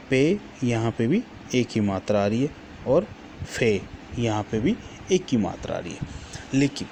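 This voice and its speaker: Male teacher, unhurried and patient, mid-pitched voice, repeats words twice, faint hiss behind. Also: a little mellow. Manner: patient, repeats each word list twice; corrects himself mid-sentence. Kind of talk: classroom lesson.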